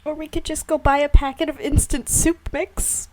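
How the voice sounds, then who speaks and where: A woman's voice: sits high, level tone, normal speed, a little hiss or hum, low-quality recording. A woman co-hosting a casual history podcast, playful, laughing often and telling historical facts in an upbeat way. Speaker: podcast co-host.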